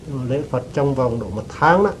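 A man of middle pitch recounting events he says he witnessed, speaking haltingly and clearing his throat often. He addresses a teacher with deference. The recording is noisy, with steady rain in the background. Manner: hesitant and halting, with frequent restarts and throat-clearing. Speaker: devotee giving testimony. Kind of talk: telling a personal story to a teacher.

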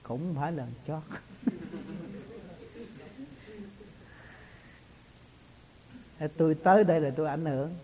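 A man speaking as a spiritual teacher, his voice sitting a little high. He talks in a loose, folksy way, telling homely stories and breaking into laughs as he goes. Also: rapid-fire, few pauses, mellow, low-quality recording. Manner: chatty, laughs often, folksy storytelling. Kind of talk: casual religious talk.

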